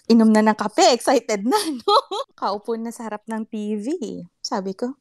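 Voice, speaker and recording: A woman's voice: on the high side, lively intonation, moderate pace, a little mellow, no echo, clean studio sound. A woman co-hosting a podcast in casual chat, telling stories with frequent laughter. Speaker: podcast co-host.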